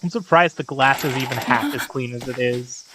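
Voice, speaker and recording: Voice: medium pitch, moderate pace, background noise. A let's play host giving casual gameplay commentary with sarcastic, joking asides. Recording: game music playing behind.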